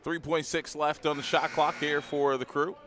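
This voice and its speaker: A man calling basketball play-by-play in quick, clipped calls of names and plays. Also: on the high side, little pitch movement, crowd noise. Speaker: play-by-play commentator. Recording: loud background noise. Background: loud noise, clicks, basketball bounces.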